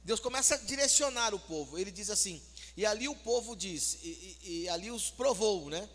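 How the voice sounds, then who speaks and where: A man's voice: high-pitched, animated, moderate pace. A Brazilian man preaching a sermon as pastor, coaxing and urging his congregation to take part. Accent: Brazilian Portuguese. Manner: exhorting the congregation, coaxing then urging loudly. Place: church hall. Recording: echoey church hall.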